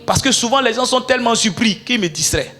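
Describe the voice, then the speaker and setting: High bright-voiced preaching pastor. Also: male voice, lively intonation, brisk, faint music behind. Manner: preaching with shouts and sung lines. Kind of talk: sermon.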